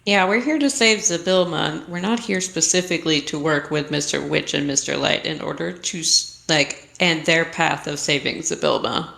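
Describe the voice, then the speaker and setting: Low, gravelly woman tabletop player. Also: normal speed, few pauses, a bit bright, reverberant.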